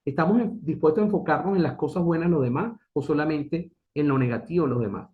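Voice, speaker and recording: A man's voice: fairly high pitch, fast talker. A middle-aged man giving an earnest motivational talk as a business consultant, asking rhetorical questions and repeating key phrases. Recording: dull lo-fi recording.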